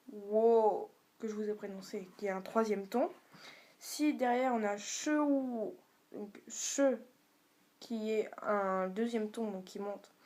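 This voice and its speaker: A woman's voice: a little high, a little mellow. A woman giving a beginner video lesson on Chinese tones, patiently demonstrating sounds for viewers to repeat. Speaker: Chinese language teacher.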